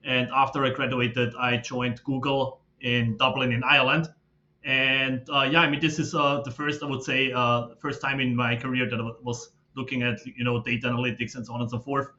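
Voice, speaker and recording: Bright-toned man explaining steadily. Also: medium pitch, fairly quick. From Austria. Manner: steady, explanatory, with frequent fillers. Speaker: guest, fund manager. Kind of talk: casual interview talk. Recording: slightly dull lo-fi audio.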